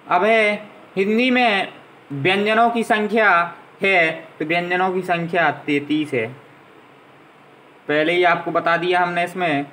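A man with a high, bright voice teaches young children grammar. He works through each letter and vowel sign slowly and patiently. His pace is unhurried, like he is spelling everything out for beginners. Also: steady tone, slight background noise, poor audio. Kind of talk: Hindi grammar lesson for young pupils.

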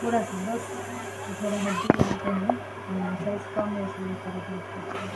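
A woman's voice: medium pitch, fairly even intonation, normal speed. A woman speaking through a face mask, coaxing and soothing a patient in a dental clinic. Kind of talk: reassuring a patient during treatment. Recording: loud background hiss.

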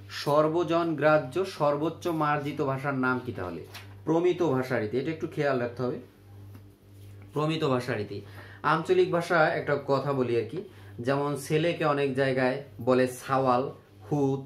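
A man's voice: on the high side, echoey room. A man teaching a grammar lesson to students, asking questions and then answering them himself.

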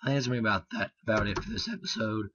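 A young man with a hoarse, strained voice, muttering halting let's play commentary full of ums. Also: fairly low pitch, very animated, fairly bright tone, dry recording, highs cut off. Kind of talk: casual gameplay commentary.

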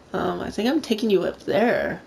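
Foul-mouthed gamer chatting while playing, gravelly voice, lively pitch, bit of noise. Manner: crude, swearing, giggly. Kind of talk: casual let's-play banter.

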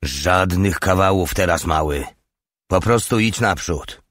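A man's voice: low-pitched, measured pace, a bit bright, no echo, studio quality. A male audiobook reader voicing a stern older soldier who speaks curtly and scolds. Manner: curt, scolding.

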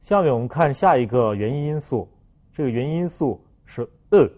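A man teaching French pronunciation, explaining slowly and then loudly modeling each sound for students to repeat. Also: medium pitch, lively intonation. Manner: slow, careful explanations, then loud drawn-out example sounds.

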